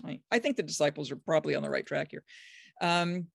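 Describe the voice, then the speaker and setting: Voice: lively intonation, fast, gravelly, no room sound. Emphatic scholar with dry close sound. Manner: acts out quoted speech with sudden high pitch jumps; emphatic, enthusiastic, frequent restarts. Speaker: biblical scholar, guest. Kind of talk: animated explanatory conversation.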